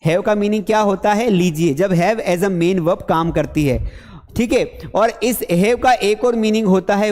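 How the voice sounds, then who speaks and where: A lively Indian man teaching English in a reverberant hall. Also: high voice. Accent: Hindi. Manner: lively, playful, asks questions and answers them himself. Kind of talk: classroom lesson with a whiteboard.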